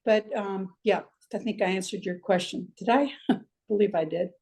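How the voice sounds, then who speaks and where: Over a video call, an older Icelandic swim coach gives a reflective, filler-heavy interview. Her mid-range voice is warm and moves at a normal pace.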